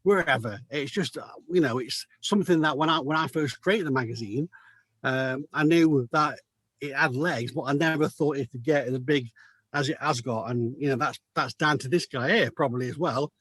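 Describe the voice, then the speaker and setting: A man's voice: mid-range voice, normal speed, a bit bright, breathy edge, dry recording. A man from the United Kingdom, a magazine editor, chatting casually on a video call with many restarts and fillers. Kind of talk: casual chat.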